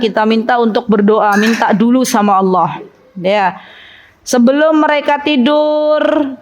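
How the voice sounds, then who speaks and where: A woman preacher giving a sermon to a women's study group, acting out parents and children in her stories. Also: high voice. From Indonesia. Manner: lively, acts out parents and children in quoted lines. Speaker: Islamic preacher.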